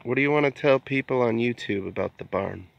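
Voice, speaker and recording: An amateur builder narrates a casual, explanatory vlog from a wooded yard at a building site, holding a phone camera with himself behind it. His medium-pitched voice is brisk with vocal fry, and the audio sounds dull.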